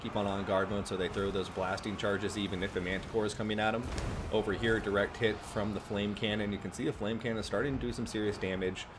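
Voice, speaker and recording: A man giving relaxed, chatty live commentary on a strategy game tournament from his streaming setup. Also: fairly low pitch, fast, noisy background. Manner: relaxed, chatty play-by-play with asides. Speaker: tournament caster and stream host.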